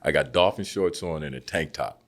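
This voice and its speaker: An American man in his fifties, a former basketball player, telling stories as a guest in a casual interview, acting out the people he quotes. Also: normal speed. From United States. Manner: lively storyteller who acts out quoted people with big jumps in pitch. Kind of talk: casual storytelling chat.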